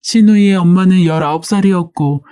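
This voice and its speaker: A woman narrating a listener's story in a steady, first-person storytelling manner. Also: fairly low pitch, a little fast, clear, resonant tone, no echo, studio quality. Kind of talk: reading a listener's story aloud.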